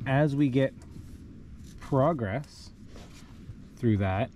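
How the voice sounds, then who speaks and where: A man's voice: mid-range voice, drawn-out words, darkish tone, a little hiss or hum. A man teaching kayak rescue rigging step by step, talking plainly while he works the ropes on a rocky riverbank, recorded by a camera he wears. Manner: plain, methodical, talks while rigging by hand. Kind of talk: step-by-step instructional demo. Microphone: wearable camera on body.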